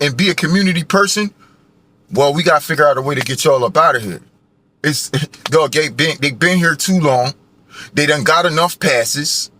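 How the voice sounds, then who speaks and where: A man's voice: a little high, pushed and bright. A man in his forties ranting in a heated, profane, preachy monologue, often tacking on "right?". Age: 40s. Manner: heated, profane, preachy, repetitive tag questions. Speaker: vlogger. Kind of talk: angry monologue rant.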